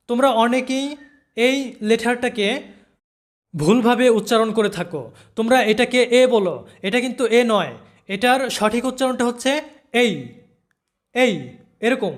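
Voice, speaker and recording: A man teaching English pronunciation in a slow, step-by-step lesson, spelling out example words and repeating them. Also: very high voice.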